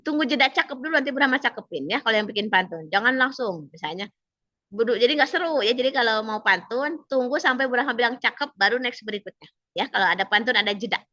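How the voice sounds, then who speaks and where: A woman's voice: a little high, expressive, fast, pushed and bright, no echo. A woman briefing trainees in an online class, chatty and instructive, acting out sample exam dialogues. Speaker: training mentor. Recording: dull lo-fi video call audio.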